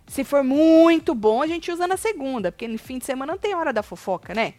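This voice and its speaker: Lively Brazilian woman hosting a gossip show. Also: high-pitched. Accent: Brazilian Portuguese. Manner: lively, quick shifts between reading comments and chatting. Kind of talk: casual live chat reading viewer comments.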